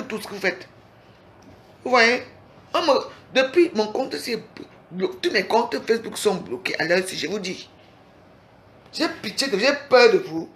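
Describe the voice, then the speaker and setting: A woman's voice: mid-range voice, vocal fry, a bit bright, slight background noise. A woman in an angry, confrontational livestream rant, recorded on a phone and hammering at her target with repeated challenges. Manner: confrontational, repeatedly demanding "you hear?".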